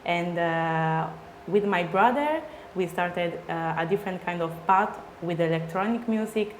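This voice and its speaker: A woman from Spain, a DJ guest answering interview questions in halting English with many fillers. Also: on the low side. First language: Spanish or Italian. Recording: echoey room, faint noise.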